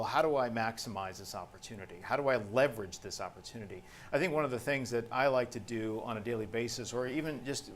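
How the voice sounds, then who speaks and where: A man's voice: medium pitch, slight background noise. Man animatedly telling a sales story. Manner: animated, acts out quoted dialogue. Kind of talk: casual storytelling anecdote.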